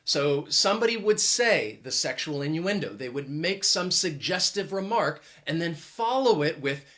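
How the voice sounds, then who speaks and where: A man giving an explanatory video lesson as an English teacher, clear and deliberate, stressing key words. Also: a little high, lively intonation, bright, forceful tone.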